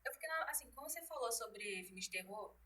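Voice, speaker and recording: A woman's voice: on the high side, lively intonation, fast talker, pushed and bright. A young woman student interviewer asking casual, hesitant questions. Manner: hesitant, searching for words. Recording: distant mic with faint ambient noise.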